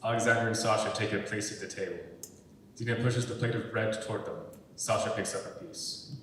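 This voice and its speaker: A man narrates screenplay stage directions in a steady, slightly bright voice, moving a little fast. The sound is distant and echoey, captured in a hall with rumbly noise.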